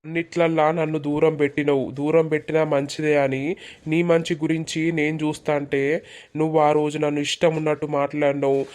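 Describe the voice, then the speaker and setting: Performer as a sulking village man in a cartoon, Telangana accent, monotone, reproachful and pleading. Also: mid-range voice, brisk, lightly acted. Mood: hurt. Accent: Telangana Telugu. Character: hurt, resentful village man in love. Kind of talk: animated village comedy dialogue.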